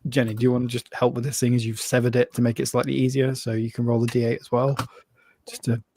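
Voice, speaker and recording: A man's voice: medium pitch, little pitch movement, fast talker, warm tone, a little hiss or hum. A man narrating a live tabletop game as game master, laughing often and rambling loosely as he describes scenes.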